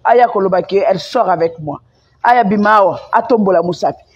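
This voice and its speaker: Une femme avec un accent congolais qui s'emporte en direct sur son live, répète ses phrases avec insistance et passe du français au lingala. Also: female voice, medium pitch, brisk, husky. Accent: Congolese French. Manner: emphatic and repetitive, mixing French with Lingala. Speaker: live-stream host. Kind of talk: impassioned live-stream rant. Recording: dull lo-fi sound.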